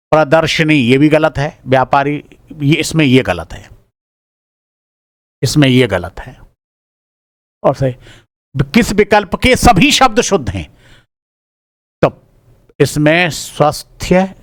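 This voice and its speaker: Higher-voiced man explaining exam answers. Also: dry recording, clean studio sound. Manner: repeats each word aloud while checking it; informal, addresses listeners as brother. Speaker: teacher. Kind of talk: exam answer-key walkthrough.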